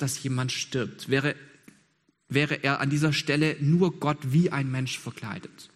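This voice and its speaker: Husky male preacher in a reverberant hall. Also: mid-range voice, fairly bright tone. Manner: earnest, emphatic repetitions, rhetorical questions. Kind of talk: sermon.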